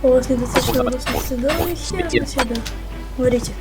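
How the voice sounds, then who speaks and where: A woman's voice: high voice, fast. A woman giving casual gameplay commentary as she plays through a game. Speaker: game streamer doing a playthrough. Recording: loud game music over the voice. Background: loud game music.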